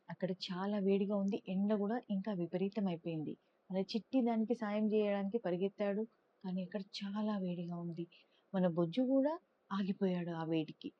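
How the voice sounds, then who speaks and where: A woman reads a children's bedtime story aloud, lively and expressive, in a middle-pitched voice. The recording sounds a little dull and muffled. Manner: lively, expressive, raises pitch for characters' lines. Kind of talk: storybook narration with character voices.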